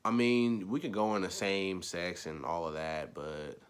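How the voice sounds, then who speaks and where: Deep-voiced young man ranting casually. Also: steady tone, measured pace, smooth. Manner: rambling, repetitive, swings between mumbling low and loud emphatic bursts. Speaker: vlogger. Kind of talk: casual opinion rant.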